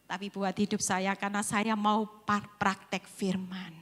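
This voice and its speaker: A woman's voice: mid-range voice, flat delivery, unhurried, a bit bright. Emphatic woman testifying in a hall. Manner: emphatic, repeats phrases, keeps addressing listeners as "brothers and sisters". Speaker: women's prayer fellowship leader giving testimony. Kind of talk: emotional church testimony. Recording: long hall reverb.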